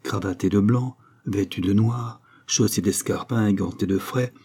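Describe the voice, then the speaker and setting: A man narrating a novel as an audiobook, in a measured storytelling manner. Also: lowish voice, warm tone, breathy edge. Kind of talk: scripted narration.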